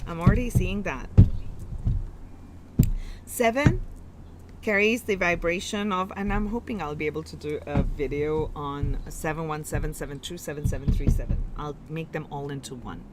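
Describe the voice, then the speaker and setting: Speaking at normal speed in a low-pitched voice, an Indian-accented woman reads tarot live amid heavy noise. She's warm and reassuring, musing as she goes and frequently cutting herself off to start over.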